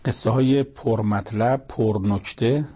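Husky-voiced man teaching Quran commentary. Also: medium pitch, warm tone. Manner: storytelling, recites Arabic verses and chants Persian poetry.

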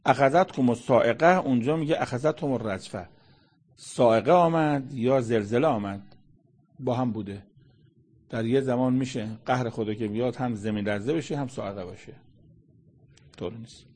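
A man's voice: mid-range voice, darkish tone, slightly rough. A man giving a conversational religious lecture, explaining scripture in everyday speech and quoting Arabic verses. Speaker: Quran commentator.

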